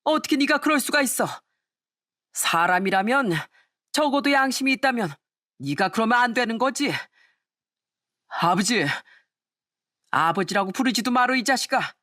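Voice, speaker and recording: A woman voicing an angry older father-in-law in a storybook drama, shouting and scolding. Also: a little high, animated, moderate pace. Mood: furious. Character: furious old father-in-law, scolding his son.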